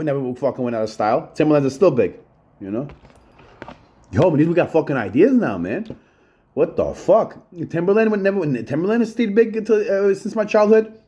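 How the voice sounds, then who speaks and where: A man's voice: medium pitch, darkish tone. A middle-aged man, rambling profanely in a solo monologue about his childhood, repeating himself and saying "yo" often. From Long Island, New York. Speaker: channel host.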